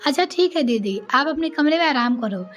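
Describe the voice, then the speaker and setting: A woman's voice: high voice, expressive, fairly quick. A woman voicing a boastful middle-aged woman who complains about her daughter-in-law, in a storybook tale.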